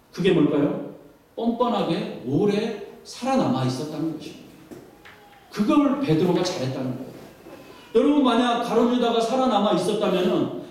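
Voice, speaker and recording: A male pastor with a high voice preaches, picked up by a distant mic in a very echoey church hall. He keeps turning to the congregation with questions and drives each point home by repeating it. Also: a little mellow. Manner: asks the congregation many questions, emphatic repetition. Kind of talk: sermon. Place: church sanctuary.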